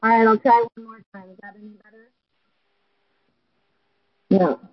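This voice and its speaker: A woman speaking on a conference call as a college panelist, hesitant and halting, her voice faint and muffled because the phone mic is held away from her mouth. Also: on the high side, fairly even intonation. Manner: hesitant, halting, with many fillers. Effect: faint, muffled phone audio with the mic held away from her mouth. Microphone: phone headset.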